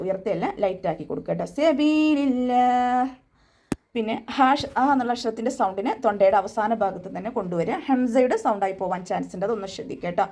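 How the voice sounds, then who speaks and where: Patient woman teaching recitation online. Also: mid-range voice. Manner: patient, step-by-step explanations with soft reminders. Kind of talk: online tajweed class instruction.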